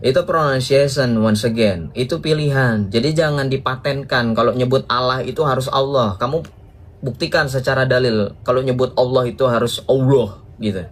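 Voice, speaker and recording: A man at a middle pitch delivers a polemical religious monologue straight to his viewers. He is combative and mocking, throwing out rhetorical challenges and chuckling at his own digs. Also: moderate pace, a little hiss or hum. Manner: challenges listeners with rhetorical questions. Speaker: religious teacher.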